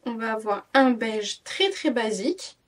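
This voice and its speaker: Young woman in her 20s, tired and rambly, higher voice, sounds a bit away from the mic. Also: lively intonation, unhurried, distant mic. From France. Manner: chatty, rambling, with many fillers and restarts. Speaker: parenting vlogger. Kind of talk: casual haul vlog.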